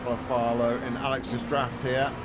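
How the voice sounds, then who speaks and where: A man with a mid-pitched voice talks through his sim race as he drives. His delivery is calm and casual, muttering observations to the viewer. Loud car engine noise runs behind him throughout. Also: moderate pace. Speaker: sim racing streamer. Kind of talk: casual racing commentary while playing. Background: loud race car engine noise from game.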